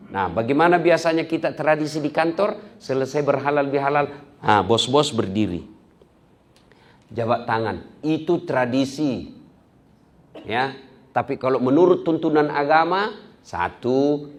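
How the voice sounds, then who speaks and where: A man preaching a lively sermon, swinging from loud high exclamations to soft low asides and acting out quoted voices. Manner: acts out quoted voices in his teaching. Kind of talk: lively sermon at an office gathering.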